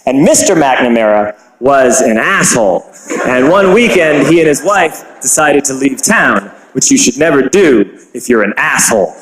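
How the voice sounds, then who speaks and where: Brief: young male comic storyteller, slightly high voice, loud noisy recording. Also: roomy sound. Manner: animated, shouts punchlines. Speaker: comedian telling a story. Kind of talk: comedic storytelling.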